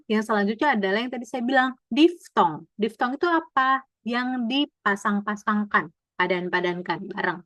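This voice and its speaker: A woman teaching German pronunciation in an online class, explaining patiently and often checking in with "gitu ya" as she slowly models each sound. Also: medium pitch, fairly bright tone, no echo, highs cut off.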